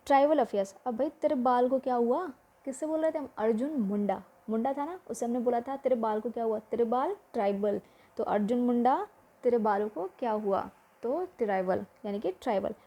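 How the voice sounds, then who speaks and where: High-voiced, mellow woman teacher. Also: fairly quick. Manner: quizzing the listener with repeated questions. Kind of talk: exam-prep memory-trick lesson.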